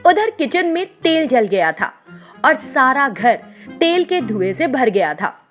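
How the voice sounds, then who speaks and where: A woman narrating a scripted children's story in an expressive storytelling manner. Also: sits high, takes it slowly, soft background music.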